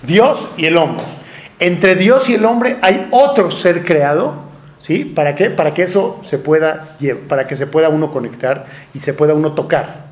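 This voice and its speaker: A man's voice: on the high side, animated, normal speed. Man lecturing a class in a roomy echo. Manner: explanatory, checks in often with rhetorical questions. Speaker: teacher.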